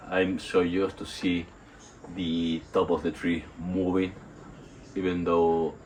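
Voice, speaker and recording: Very deep-voiced man, sick and halting. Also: flat delivery, a little mellow, a little hiss or hum, low-quality recording. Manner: halting, rambling, repeats and searches for words. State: sick and nauseous. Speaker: home workout vlogger. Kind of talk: casual unscripted workout vlog. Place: outdoors in a still yard under a tarp. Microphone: phone on a tripod.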